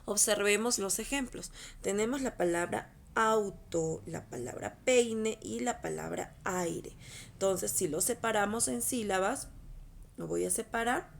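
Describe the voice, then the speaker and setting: A woman's voice: mid-range voice, measured pace, creaky, a little hiss or hum. A woman teacher patiently explaining a lesson to schoolchildren, often checking in with short questions. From Peru. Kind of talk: recorded online class explaining over slides.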